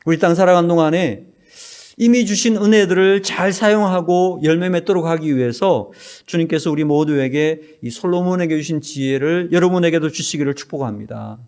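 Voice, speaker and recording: A male pastor preaching an earnest sermon in a church, his voice dropping low at the ends of phrases. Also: brisk, a little mellow, clean tone. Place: church sanctuary.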